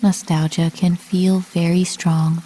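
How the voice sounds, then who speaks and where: In a lowish voice, a woman reads a scripted sleep meditation as if telling a bedtime story. She stays calm and soothing, measuring her words and leaving long pauses.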